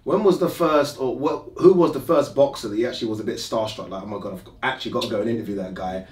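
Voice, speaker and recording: A man's voice: medium pitch, quick pace, slight background noise. A man hosting a casual interview in a small studio room, chatty and swearing now and then. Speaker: interviewer, show host. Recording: roomy sound from a distant mic.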